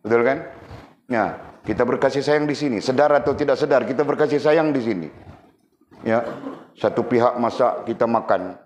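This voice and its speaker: A man giving a lively religious lesson, often putting questions to his listeners. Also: mid-range voice, normal speed. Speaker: religious teacher. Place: religious boarding school community. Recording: echoey room with faint noise.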